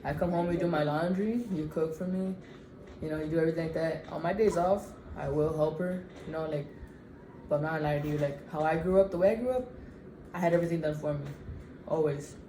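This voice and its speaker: A woman's voice: deep voice, fast, mellow, reverberant, a little hiss or hum, rough recording. A woman of about twenty co-hosting a casual Q&A vlog, speaking frankly and chattily and teasing herself. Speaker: vlog co-host.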